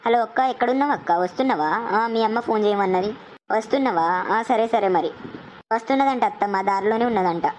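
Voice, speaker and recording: Young village girl, voiced by a woman, secretive, hurried, quick talk. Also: a little high, a little mellow, a little hiss or hum, natural voice, low-quality recording. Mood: innocent.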